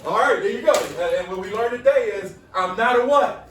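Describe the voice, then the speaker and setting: A man whose voice sits high and a bit bright talks a little fast and expressively, running an energetic call-and-response lesson where he repeats questions to coax students' answers. The classroom recording is echoey and from far away.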